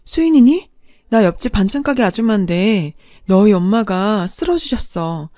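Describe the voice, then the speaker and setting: A woman's voice: medium pitch, sing-song, moderate pace, mellow, no room sound, studio quality, close to an everyday voice. A woman narrator voicing a middle-aged female neighbor who runs a side-dish shop, calling with urgent news.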